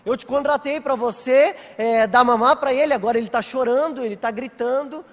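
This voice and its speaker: A man's voice: very high-pitched, a little fast, big-room sound. A man voicing a caring mother who gives firm orders to her baby's nanny, as he retells the scene in a sermon. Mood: scolding.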